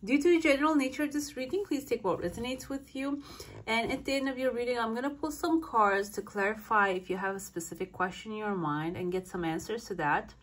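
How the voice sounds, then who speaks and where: A woman's voice: fairly high pitch, a little fast. Woman fortune teller giving a reading. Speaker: fortune teller, channel host. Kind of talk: fortune-telling coffee cup reading to viewers.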